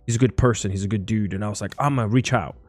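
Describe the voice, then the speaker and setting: A man's voice: fairly low pitch, rapid-fire, no room sound. A man hosting a podcast, talking casually in a rambling, enthusiastic way. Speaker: podcast host. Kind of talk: casual interview chat.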